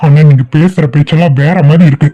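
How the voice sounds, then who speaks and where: An indignant young cartoon husband who stands up to his relatives, as a man acts him out. His voice runs a little high and stern. The recording sounds dull and lo-fi. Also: steady tone, quick pace, dark tone, lightly acted. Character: angry young husband and grandson, protective. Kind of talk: cartoon family drama voice acting.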